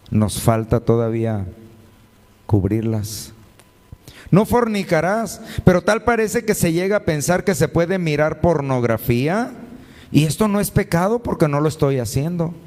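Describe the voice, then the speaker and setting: A man's voice: on the high side, darkish tone. Preaching man in a reverberant church. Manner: preaches with frequent rhetorical questions to the congregation; addresses listeners as brothers and sisters. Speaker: pastor. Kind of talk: sermon.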